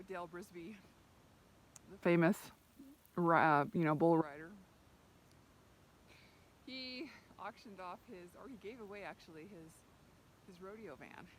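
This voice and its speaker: Chatty woman vlogging from horseback outdoors. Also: on the low side. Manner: chatty, laughs often, talks to her horse. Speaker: ranch rider vlogger. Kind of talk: casual outdoor vlog chat. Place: outdoors on horseback on open range.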